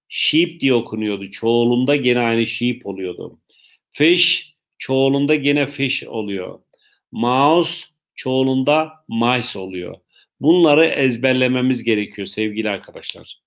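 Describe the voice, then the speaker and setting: A man teaching an online English class to children. He welcomes each pupil by name and drills them with patient, repeated questions. His voice sits at a middle pitch.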